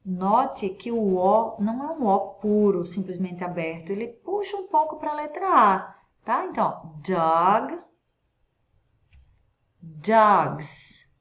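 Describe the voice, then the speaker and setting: Slow, deliberate woman teaching pronunciation. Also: mid-range voice, very animated, dull audio. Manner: slow, deliberate, repeats words for the learner to copy. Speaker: English teacher. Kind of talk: pronunciation lesson.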